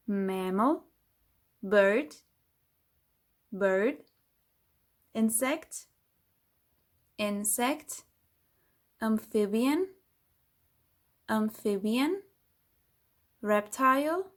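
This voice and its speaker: A woman whose first language is Turkish, teaching English vocabulary, saying each word twice slowly for learners to repeat. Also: medium pitch. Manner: says each word twice, slow and deliberate. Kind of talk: vocabulary lesson, slow repeat-after-me drilling.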